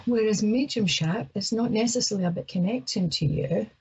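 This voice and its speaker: Fairly quick and husky, a darkish mid-range voice belongs to a Scottish woman from Ayrshire, middle-aged, who hosts a psychic program. She rattles on chattily but nervously with many fillers in a casual monologue, captured in dull audio.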